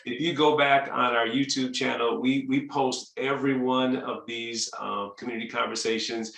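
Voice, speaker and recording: A man's voice: mid-range voice, fairly even intonation, moderate pace, vocal fry, a bit bright, reverberant. A man hosting a webinar interview, chatty, reading out audience questions and restarting his sentences often. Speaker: host.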